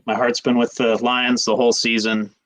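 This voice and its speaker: A man's voice: mid-range voice, normal speed, no echo, poor audio. Dry-voiced man talking sports picks. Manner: relaxed, hedging picks with frequent "uh". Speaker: podcast co-host. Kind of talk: casual sports chat.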